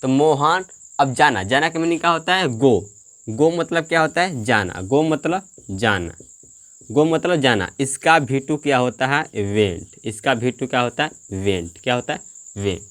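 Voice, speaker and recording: A man's voice: medium pitch, expressive, a bit bright. A man teaching English grammar to a class, repeating questions and answering them himself. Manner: slow, drawn-out delivery.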